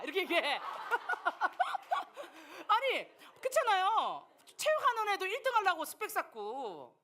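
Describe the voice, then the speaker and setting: A woman missionary preaching a sermon to young people, animated and teasing, acting out the voices of people she quotes. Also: extremely high pitch.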